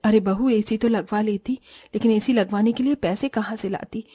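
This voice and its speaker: A woman's voice: medium pitch, fairly even intonation, moderate pace, mellow, husky, no echo, soft background music, lightly acted. A woman voicing a stingy middle-aged mother-in-law in a cartoon, talking in a scolding, dismissive way.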